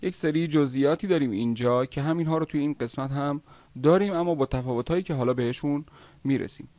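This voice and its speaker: Male software tutor, slightly high voice, dry close recording, patient step-by-step delivery with frequent "uh" pauses. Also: no room sound. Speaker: video editing instructor.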